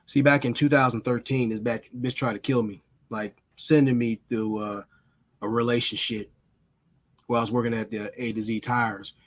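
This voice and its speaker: A man in a middle pitch tells a rambling story straight to camera. He swears freely and speaks bluntly, slowing down and pausing for effect. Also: little pitch movement. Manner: blunt, profane, dramatic pauses. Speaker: vlogger. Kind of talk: casual storytelling monologue.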